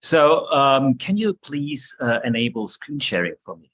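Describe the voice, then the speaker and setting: A man with a German accent giving a guest lecture over a video call, relaxed and hesitant, with many fillers and restarts. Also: medium pitch, a little slow, rough recording. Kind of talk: online seminar lecture.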